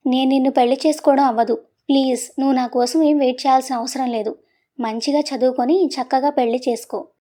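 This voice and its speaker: A man's voice: very high-pitched, fairly even intonation, quick pace, warm tone. Woman doing a flustered, scolding young man. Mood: serious. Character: exasperated young man fending off his cousin. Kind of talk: storybook voice acting.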